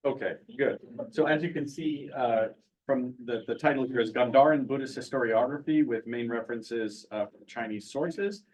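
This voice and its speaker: Relaxed male symposium moderator. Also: medium pitch, moderate pace, slight background noise, rough recording. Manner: relaxed, hesitant with fillers. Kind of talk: casual moderating. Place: lecture room.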